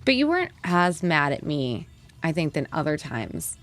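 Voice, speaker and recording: Lively young woman telling stories. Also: deep voice, normal speed, soft background music. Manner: animated storytelling, heavy swearing, frequent laughter. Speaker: podcast co-host. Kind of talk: casual chat.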